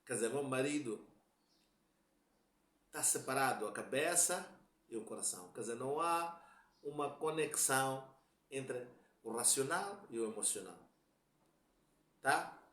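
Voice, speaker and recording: A man's voice: mid-range voice, expressive, unhurried, pauses often, a bit bright, reverberant. A man with a Mozambican Portuguese accent giving a religious lesson, explaining step by step and often checking that listeners follow. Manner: explanatory, repeats points, asks "tá claro?". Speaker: religious teacher. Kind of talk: lecture explaining a hadith.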